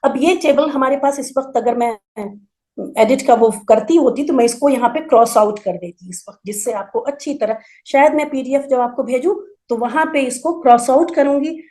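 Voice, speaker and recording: High-voiced woman teaching grammar. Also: mellow. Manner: explains patiently, repeats word forms slowly for emphasis. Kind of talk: online class lecture.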